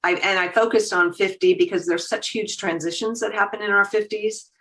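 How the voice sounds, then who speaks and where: A podcast guest who founded an agency, this woman in her fifties has a medium-pitched, steady, slightly bright voice and a brisk pace. The conversation is casual and animated, with easy laughter and her thoughts quoted aloud.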